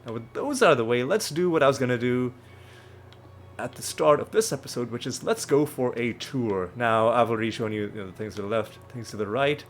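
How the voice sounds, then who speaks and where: Still recovering from a cold, this man sounds slightly nasal as he talks a little fast at medium pitch during a casual let's play. He rambles while explaining the game and keeps correcting himself. The recording carries a little hiss or hum plus faint music.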